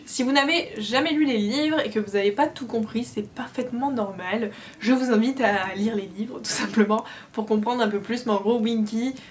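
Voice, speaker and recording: A woman reading a book aloud and chatting to her viewers with lively storytelling and a few hesitations. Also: mid-range voice, slight background noise. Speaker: book reader and channel host. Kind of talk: reading aloud and casual chat.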